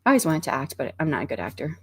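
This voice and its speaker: A woman chats her way through a livestream, greeting viewers and reading their comments aloud. She rambles, restarts sentences and fills pauses with ums. Her voice has a gravelly fry to it. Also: deep voice, wildly swooping pitch. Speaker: livestream host reading chat. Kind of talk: casual chat.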